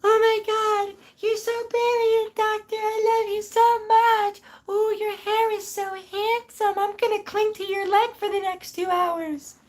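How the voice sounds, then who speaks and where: A man putting on a very high, gushing voice for an adoring, clingy young cartoon girl, as a deliberately bad impression on a live stream. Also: flat delivery. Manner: gushing, breathless squeal.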